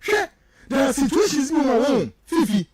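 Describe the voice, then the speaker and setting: A Ghanaian political commentator whose native language is Twi speaks as a radio studio guest at normal speed, with an extremely high voice and big pitch swings. He's impassioned and emphatic, using rhetorical questions, and a noisy crowd can be heard underneath.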